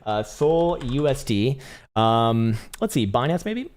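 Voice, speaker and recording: This young livestream host, who analyzes crypto charts, speaks at medium pitch, very animated and a little mellow. He's rapid and profane, laughing often, restarting words, and noticeably losing his voice.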